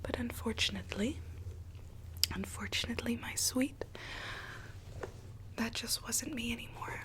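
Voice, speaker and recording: A woman playing a sweet rogue Alice from a storybook in a whispered ASMR roleplay, telling her tale in a soft, coaxing, theatrical way. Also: a little high, a little slow, lightly acted, poor audio. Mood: confiding, earnest.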